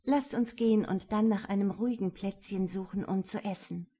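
Brief: woman playing a guarded young noblewoman, urgent, warm husky tone. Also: medium pitch, moderate pace, close to an everyday voice.

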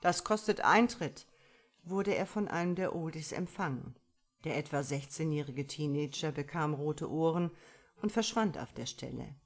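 A woman reads a first-person story aloud with a deep, low voice. Her telling is measured and expressive, the steady delivery of a practiced audiobook narrator. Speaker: audiobook reader.

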